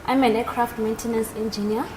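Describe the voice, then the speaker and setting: Recorded at a live event with noticeable background noise, this aircraft maintenance engineer in her twenties explains things as an interview guest. She's from the Northern Cape of South Africa and has a South African accent. Her pitch is fairly high, her tone level, and she talks a little fast.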